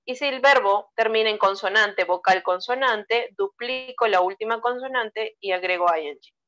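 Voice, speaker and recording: A woman's voice: on the high side, moderate pace, fairly bright tone, lo-fi sound, faint music behind. A woman with a Peruvian Spanish accent teaching English online, explaining grammar step by step and praising her students. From Peru. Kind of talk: bilingual online English lesson.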